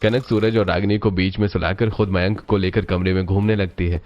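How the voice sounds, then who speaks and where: Low male storybook narrator, lo-fi. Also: steady tone, a little fast, darkish tone. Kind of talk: scripted narration.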